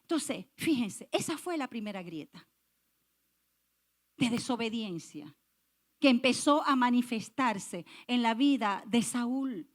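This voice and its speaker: A woman's voice: fairly high pitch, expressive, slow. A woman pastor preaching a sermon, emphatic, repeating key phrases and speaking straight to the congregation. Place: church.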